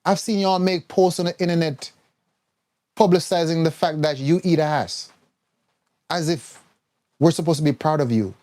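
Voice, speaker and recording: Male health coach, live-stream rant, blunt and preachy, mellow dark tone. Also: on the high side, normal speed, long pauses. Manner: mimics others in quoted voices.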